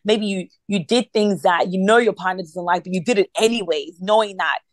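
A woman with a medium-pitched voice leads a prayer meeting over the phone, speaking briskly with no echo. Her manner is earnest and conversational, full of fillers.

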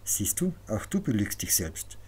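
A man reading an audiobook voices a calm, commanding grown woman who speaks softly but firmly, as if teaching. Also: on the low side, a little slow, slightly rough, heavily acted. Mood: instructive. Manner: soft, firm, instructive.

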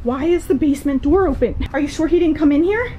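A woman's voice: sits high, quick pace, noisy background. A middle-aged woman filming a spooky family vlog on a handheld camera, exclaiming in puzzled disbelief as she moves from a backyard garden into a dim basement. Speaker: family vlogger.

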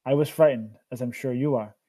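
A man voicing a tired old man who is a burdened mentor, speaking slowly and earnestly. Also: medium pitch, dark tone, close to an everyday voice. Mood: weary.

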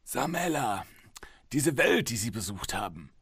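A man's voice: mid-range voice, husky, no room sound, studio quality, pitched above the performer's own voice, heavily acted. A man doing a smug, condescending psychologist. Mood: patronizing. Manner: condescending, calm and slow. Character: smug, patronizing male police psychologist, early forties. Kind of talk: audiobook reading.

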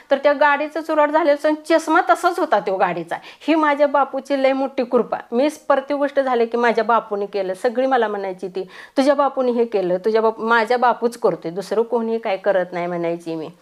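Woman telling a devotional testimony. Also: fairly high pitch. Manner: plain storytelling with fillers and restarts. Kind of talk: personal testimony.

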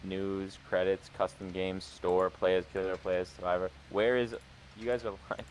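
A man's voice: sits low, little pitch movement, normal speed, rough recording. A young man chatting casually and goofily with friends over voice chat while gaming. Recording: faint background noise.

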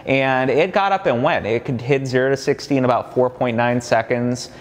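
A man in his thirties walks through a collection and explains it eagerly, piling up details and leaning on plenty of fillers. His voice sits at an ordinary middle pitch. A long reverb from the underground garage trails behind his words. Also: normal speed. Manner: enthusiastic, fact-heavy, many fillers. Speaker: company collection guide. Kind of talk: casual walkaround explanation. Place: large underground parking garage.

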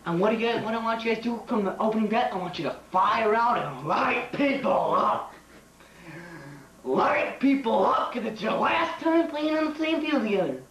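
Teacher impression: emphatic, blustering athletic director acted by a young man, highish voice, repeats himself, camcorder at a distance. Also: animated, moderate pace, a bit bright. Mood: rousing. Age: young adult. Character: blustering male high school athletic director giving pep talk. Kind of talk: amateur comedy skit. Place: home kitchen. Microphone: camcorder a few feet away. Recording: noisy, roomy home camcorder audio.

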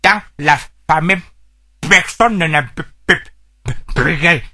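A man's voice: fairly high pitch, unhurried, pushed and bright, full character voice. A man playing a badly stuttering young man. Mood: earnest. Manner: heavy stutter, repeats syllables. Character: stammering young man seeking a cure. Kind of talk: comedy sketch acting.

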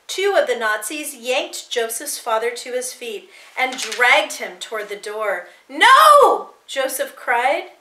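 A woman teacher reading a novel aloud to her students with expressive, dramatic storytelling. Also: a little high, unhurried, few pauses, a little hiss or hum. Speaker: English teacher. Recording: echoey room.

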